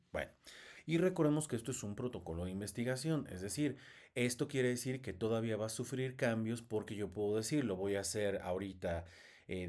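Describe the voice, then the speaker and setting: Lower-pitched man explaining a lesson. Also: darkish tone. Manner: explanatory, with frequent fillers and restarts. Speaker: research methods instructor. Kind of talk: recorded lecture walkthrough.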